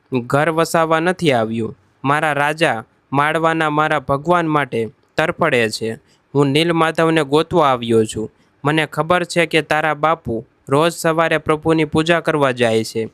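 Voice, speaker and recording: A man's voice: fairly high pitch, moderate pace, a bit bright, smooth, no room sound, natural voice. A man voicing a tearful pleading young Brahmin. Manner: tearful, begging.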